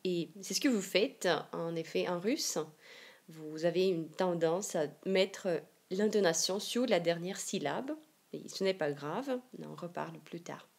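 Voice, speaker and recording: A woman from Siberia with a Russian accent, teaching a language lesson online and explaining slowly and carefully. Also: lowish voice, vocal fry, a little mellow. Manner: slow, careful explanations with example readings.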